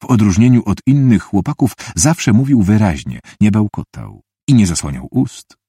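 A man with a very deep, husky voice narrates a story in a measured, even manner. His tone is dark and mellow, and his pitch moves a lot between phrases. The recording is close and completely dry. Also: dry recording. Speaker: audiobook narrator. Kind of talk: scripted narration.

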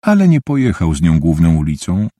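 A man narrating an audiobook in a measured storytelling manner, with a husky voice, recorded on a close mic. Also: sits low, huge pitch swings, warm tone, dry recording. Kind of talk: scripted narration.

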